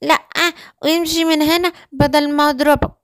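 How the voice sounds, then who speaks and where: A woman's voice: sits high, flat delivery, normal speed, slight background noise, natural voice. A woman with an Egyptian Arabic accent voicing a stubborn little girl giraffe in a children's cartoon story, talking in a childish, defiant way.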